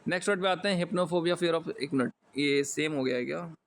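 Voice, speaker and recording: A man's voice: a little high, normal speed. A man with an Indian accent giving a casual vocabulary lesson, chatty with jokey asides and some stumbles over long words. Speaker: exam English teacher.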